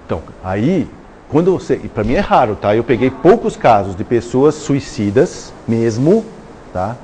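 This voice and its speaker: A man's voice: mid-range voice, a little mellow, slight background noise. A middle-aged man with a Brazilian Portuguese accent giving a live spiritist lecture, acting out little dialogues and tagging questions to the audience. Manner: conversational, acts out dialogues, frequent "né?" tag questions. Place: lecture hall at a live event.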